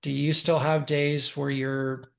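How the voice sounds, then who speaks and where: Gravelly, flat-voiced male interview host. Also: on the high side, slow, a little hiss or hum. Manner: supportive, with frequent short affirmations. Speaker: host and life coach.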